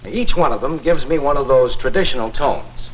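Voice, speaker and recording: An actor playing a courteous, confident church organist, explaining in a formal, measured 1950s narrator manner for a promotional film. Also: male voice, mid-range voice, animated, lightly acted. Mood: instructive, assured. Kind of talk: 1950s promotional film acting, scripted demonstration. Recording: muffled, noisy 1950s film soundtrack.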